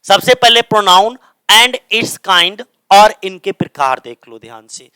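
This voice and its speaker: Male tutor, clear smooth voice, dry close sound, drills key terms by repetition. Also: high voice, sing-song, slow, sharp tone, no echo. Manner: asks questions and answers them himself, repeats key words. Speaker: teacher. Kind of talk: grammar lesson explaining in Hindi.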